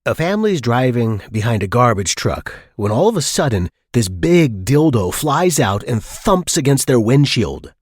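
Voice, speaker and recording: Smutty joke-telling man, very animated delivery. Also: medium pitch, normal speed, hardly any pauses, husky, dry recording, clean studio sound. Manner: theatrical, acts out dialogue in jokes. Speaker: comedian telling jokes. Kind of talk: scripted joke-telling countdown.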